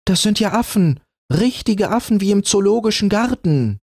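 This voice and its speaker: A man's voice: sits high, animated, normal speed, darkish tone, dry recording, studio quality, pitched above the performer's own voice. A man voicing a little girl in a fairy tale audiobook, childlike and exclaiming. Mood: amazed. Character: little girl, brave yet easily frightened.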